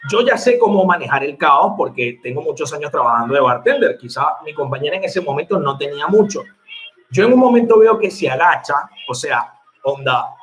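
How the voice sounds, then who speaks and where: A man who works as a bartender, telling a story to his viewers in an animated, chatty way and laughing along. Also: sits high. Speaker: bartender and online mixology teacher. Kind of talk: casual storytelling to camera.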